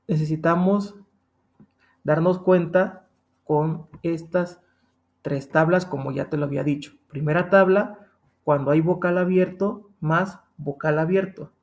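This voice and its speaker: A man's voice: on the high side, a little mellow. A man with a Mexican accent teaching a grammar lesson, patient and repetitive, often checking in with "ok?". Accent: Mexican Spanish.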